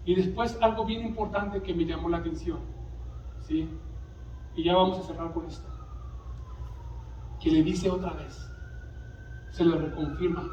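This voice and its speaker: A man's voice: a little high, steady tone, unhurried, long pauses, warm tone, slight background noise. A man preaching a sermon and tossing frequent questions to the congregation. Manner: preaches with call-and-response asides. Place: church sanctuary. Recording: echoey distant church recording.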